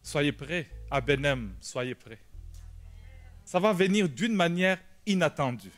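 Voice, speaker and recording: A male pastor, telling a personal story in a sermon, animated and shouting at the dramatic moments. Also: a little high, slow, soft background music. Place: church prayer meeting.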